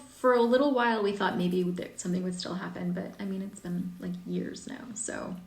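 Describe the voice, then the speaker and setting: A woman author chatting casually on a live stream, answering fan questions in a rambling way and often trailing off softly. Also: medium pitch, vocal fry. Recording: echoey room.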